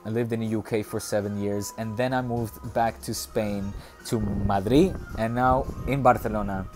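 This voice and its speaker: A man from the Netherlands hosting a casual football live stream, reading viewer comments aloud and rambling with bursts of excitement. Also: on the low side, normal speed, soft background music.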